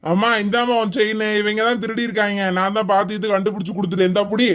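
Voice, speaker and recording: A man's voice: high voice, flat delivery, racing, a bit bright. A man voicing a stern, threatening adult male policeman in a Tamil cartoon dub. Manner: threatening, commanding.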